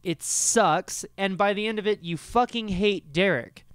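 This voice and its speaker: A man co-hosting a podcast, talking about a film in a rambling, animated, profane way. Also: high-pitched, unhurried, smooth, dry recording, clean studio sound. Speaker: podcast co-host. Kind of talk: casual film discussion.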